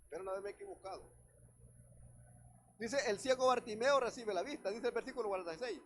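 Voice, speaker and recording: A man's voice: high-pitched, fast, a little hiss or hum. A man preaching a sermon as pastor at a church service, reading scripture aloud and speaking directly to the congregation. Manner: preaches directly to the congregation, often calling out "hermano"; reads scripture aloud and then explains it.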